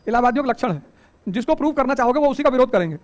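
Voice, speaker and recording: A middle-aged man teaching a coaching class, giving an animated motivational talk full of rhetorical questions and joking asides. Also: very high-pitched, racing, soft background music.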